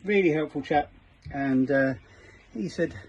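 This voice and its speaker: On a small cabin motorboat, the presenter of a boat fitting shop's how-to videos gives a casual hands-on DIY walkthrough in a fairly high-pitched voice at a measured pace. He is sometimes hesitant, feeling for words as he works, and the camera audio is dull and lo-fi with faint noise.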